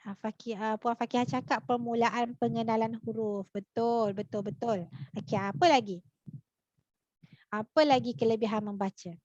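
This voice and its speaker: A Malaysian woman leads a live online reading lesson in a high voice, keeps asking her viewers questions, and fills her pauses with little sounds. The sound is dry and dull, a lo-fi recording. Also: fairly even intonation, darkish tone, no echo. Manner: chatty, many fillers, asks viewers questions. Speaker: reading teacher.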